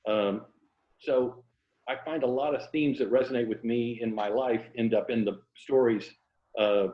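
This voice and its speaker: This mature American interviewee, a writer and ex-journalist from Tampa, Florida, speaks unhurriedly in a steady, mid-range voice, reflective and casual in tone. Audio is dull and muffled with noticeable room echo.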